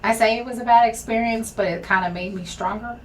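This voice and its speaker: A woman's voice: on the high side, steady tone, brisk, recorded from a distance, slight background noise, low-quality recording. A woman, a senior enlisted leader, candidly telling her own story in a sit-down conversation with frequent ums. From Texas. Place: bright indoor studio set.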